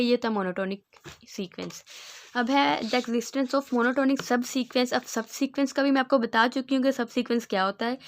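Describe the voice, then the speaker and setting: A woman teaching a mathematics lesson, explaining step by step, reading definitions out slowly and often checking in with her students. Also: on the high side. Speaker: math teacher. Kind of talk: classroom lecture.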